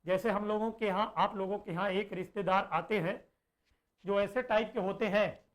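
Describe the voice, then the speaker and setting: A male teacher gives an online lesson for exam preparation, explaining slowly, repeating points, and raising and answering his own questions. His high voice keeps a fairly even intonation.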